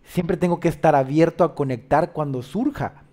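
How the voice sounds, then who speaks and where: A man's voice: fairly high pitch, moderate pace, darkish tone. A man, a host counseling a caller on spiritual matters, pressing his points with insistent rhetorical questions. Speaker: host giving spiritual guidance.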